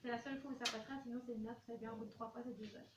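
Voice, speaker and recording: Here a teacher addresses pupils at a rapid-fire clip, her voice on the high side and fairly even in intonation. Chatty and casual, she role-plays bits of teenage talk; a distant microphone catches her in a noisy classroom full of echo.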